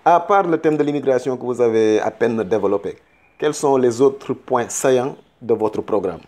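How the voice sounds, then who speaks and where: A man interviewing a political candidate, supportive and quick to finish the guest's phrases. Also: mid-range voice, warm tone. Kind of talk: interview questions and backchannel.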